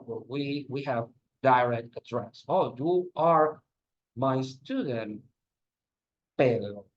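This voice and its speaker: A man teaching an English lesson on video, giving instructions and modeling sentences. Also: mid-range voice. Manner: explains slowly and gives classroom instructions. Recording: dull lo-fi sound.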